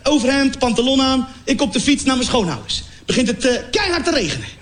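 A young man doing stand-up comedy, acting out scenes with sound effects and lively storytelling. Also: extremely high pitch, quick pace. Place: stage in a venue before a laughing audience. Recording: echoey venue with crowd noise. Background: audience laughter.

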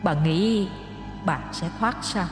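A woman voicing a hushed, vengeful ghost. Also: fairly low pitch, slow pace, echoey room, big-room sound, over music. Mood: menacing. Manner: hushed, cold and accusing. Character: vengeful ghost of a wealthy woman possessing a servant.

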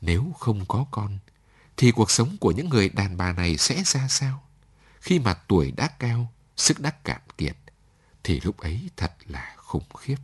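A man narrating a story in an expressive, dramatic reading style. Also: lowish voice, measured pace, breathy edge.

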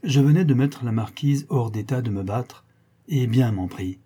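Dark husky male audiobook narrator. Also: mid-range voice. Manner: measured literary narration. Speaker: audiobook reader. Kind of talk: reading a classic novel aloud.

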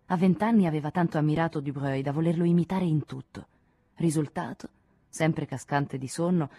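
A woman reading a literary novel aloud in a measured, expressive narration. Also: sits low, husky, no room sound. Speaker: audiobook reader.

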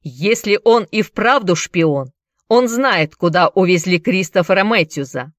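A woman voicing a burly middle-aged male cobbler who shouts commands over a crowd, in an audiobook reading. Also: mid-range voice, measured pace, dry recording, studio quality, natural voice. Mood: commanding.

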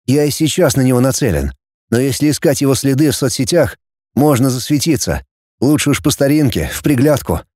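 A man's voice: mid-range voice, lively intonation, fairly quick, darkish tone, no room sound, studio quality, natural voice. A man voicing a determined, earnest young hero in an audiobook.

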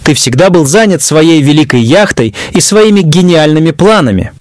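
A man's voice: fairly high pitch, expressive, normal speed, dry recording, clean studio sound, close to an everyday voice. A man voicing a drunk, arrogant young man who sneers and taunts the people around him. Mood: taunting. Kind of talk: audio story narration.

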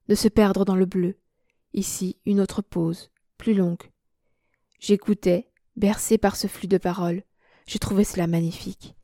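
A woman narrating a literary story as an audiobook, in a measured, expressive reading. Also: mid-range voice, no echo, studio quality. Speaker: audiobook reader.

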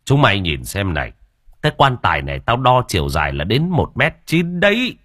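A man voicing a short-tempered old village coffin maker who talks gruff, blunt and scolding. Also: fairly low pitch, huge pitch swings, a little fast, fairly bright tone, dry recording, studio quality, voice pushed up, heavily acted. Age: older.

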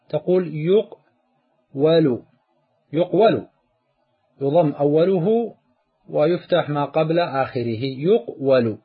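Male teacher, lesson delivery, dull lo-fi sound, drags out example words, slightly high voice. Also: breathy edge. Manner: explains step by step, drawing out example words slowly. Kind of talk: morphology lesson.

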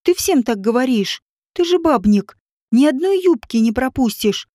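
A woman voicing a tearful, shrill young woman. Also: lively intonation, normal speed, mellow, no room sound, studio quality. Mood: tearful accusing. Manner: shrill and pleading, breaking into sobs.

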